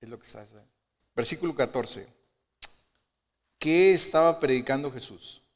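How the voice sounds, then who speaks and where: A man preaching a sermon as pastor, asking rhetorical questions and moving between soft low asides and loud emphatic lines. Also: moderate pace. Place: church sanctuary. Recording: long hall reverb of a church sanctuary.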